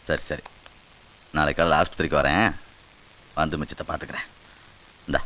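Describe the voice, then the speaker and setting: An actor playing a commanding, protective local party boss in a Tamil film drama. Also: male voice, very deep voice, level tone, brisk, pushed and bright, a little hiss or hum, rough recording. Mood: reassuring. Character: commanding middle-aged male political patron.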